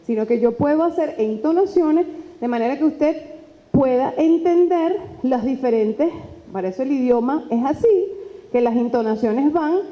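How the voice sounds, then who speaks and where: A woman lecturer, talking lively and conversationally into a microphone and acting out quoted dialogue. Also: high voice, moderate pace. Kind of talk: lecture on presentation skills. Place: lecture hall. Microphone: handheld microphone. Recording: dull sound with long hall reverb.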